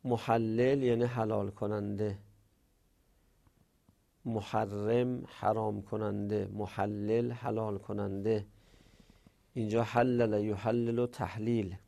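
Male teacher giving a grammar lesson: low, gravelly voice, deliberate delivery. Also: flat delivery, warm tone. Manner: deliberate, drawing out example words.

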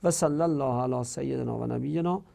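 A male grammar teacher giving a classroom lecture, patiently explaining step by step and slowly repeating verb forms, sometimes correcting himself. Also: medium pitch, creaky, warm tone.

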